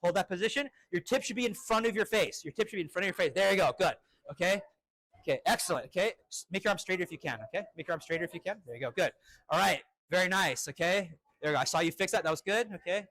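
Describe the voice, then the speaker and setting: A male fencing instructor running a live drill with crisp, short commands and encouraging words. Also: high-pitched, fast, fairly bright tone, no echo.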